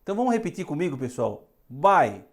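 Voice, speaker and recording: A woman with a Brazilian accent teaching English phrases in a lesson, saying each one slowly so students can repeat it. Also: low-pitched, very animated.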